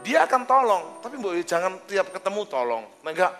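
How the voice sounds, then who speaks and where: A fairly high-voiced man preaching on a handheld mic. He teases and jokes with his congregation between points, and soft music plays faintly behind him. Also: big pitch swings, a little fast. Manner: joking, teasing, talks casually with listeners. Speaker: pastor. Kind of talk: lively sermon with congregation banter. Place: church service hall.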